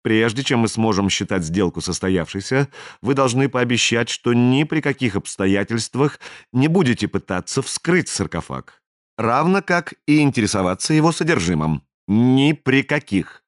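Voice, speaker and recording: A man voicing a businesslike alien stranger in an audiobook, speaking in a measured, persuasive and authoritative way. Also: mid-range voice, animated, no echo, studio quality, lightly acted. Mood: commanding. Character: smooth, businesslike male alien stranger, commanding. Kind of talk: audiobook character reading.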